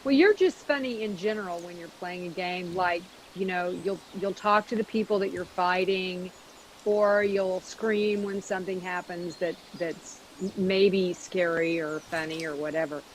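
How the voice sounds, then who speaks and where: Middle aged lady just chatting, kinda halting, hunting for words, little bit of hiss. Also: on the low side, fairly even intonation, low-quality recording. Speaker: streamer's mother and guest. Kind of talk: casual chat.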